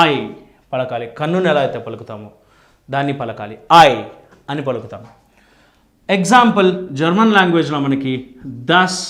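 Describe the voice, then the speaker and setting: A man teaching a language lesson, spelling words out letter by letter and repeating each rule. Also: fairly high pitch. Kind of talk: classroom lesson.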